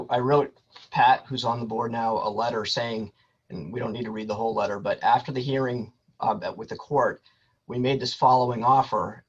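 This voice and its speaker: A man, a lawyer for an applicant, speaking over a landline phone in a measured, orderly way with frequent ums, giving a formal statement to a board. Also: medium pitch, husky. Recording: muffled lo-fi phone line.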